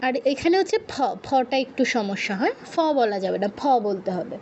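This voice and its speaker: A woman teaching Sanskrit pronunciation in an online lesson, patiently correcting a student and repeating each sound slowly. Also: a little high, sing-song, darkish tone, highs cut off, a little hiss or hum.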